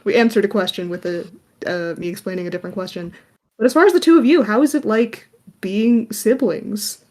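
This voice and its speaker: A woman's voice: medium pitch, a little fast, darkish tone. A woman hosting a casual podcast chat, playful and a little hesitant. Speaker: host.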